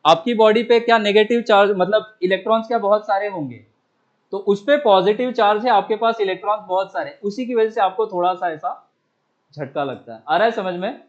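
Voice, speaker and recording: A man's voice: high voice, fairly quick, muffled recording. A man teaching a physics class, asking his students questions, answering them himself and often checking whether they follow. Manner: coaxing, repeatedly checks understanding. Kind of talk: classroom lecture.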